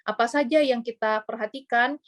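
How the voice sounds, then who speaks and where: A woman's voice: a little high, fairly even intonation, normal speed. Lady coaching on sales talks, chatty, lots of eh and ya, acts out little examples. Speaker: sales trainer. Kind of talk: casual training talk.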